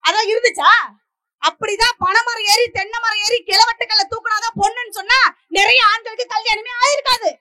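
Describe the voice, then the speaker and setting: A woman's voice: very high-pitched, brisk. A woman speaker at a comic stage debate, firing teasing questions at the judge and now and then breaking into song.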